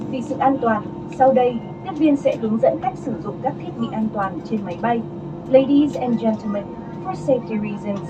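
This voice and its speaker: A woman flight attendant giving a formal, scripted cabin safety announcement. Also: a little high. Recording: muffled, noisy aircraft cabin speaker. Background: clear aircraft cabin noise.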